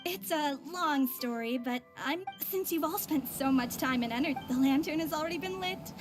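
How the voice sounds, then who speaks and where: A woman plays a bold young sorceress in training for a game. The voice is high, with sly, polite phrasing over faint music. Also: moderate pace, lightly acted. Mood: formal, composed. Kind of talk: scripted game dialogue.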